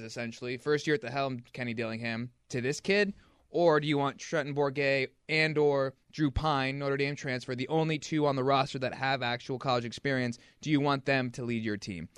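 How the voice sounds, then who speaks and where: A man reporting on football practices in casual sports talk, frank and full of quick restarts. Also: medium pitch, a bit bright, clean tone, dry recording, studio quality.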